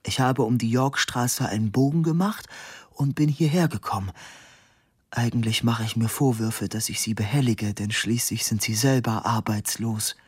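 A man's voice: medium pitch, normal speed, slightly rough, dry recording, clean studio sound, natural voice. A man voicing a resigned, rambling old male inventor in a storybook reading, with a wry, musing manner. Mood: apologetic.

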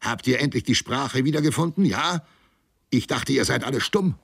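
A man voicing a feverish, raving old ship's mate who mocks and rants, his voice gravelly and breaking into shrill shrieks. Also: expressive, moderate pace, no room sound, clean studio sound, exaggerated voice. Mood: shrieking mockery. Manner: mocking, ranting, voice cracks into shrieks.

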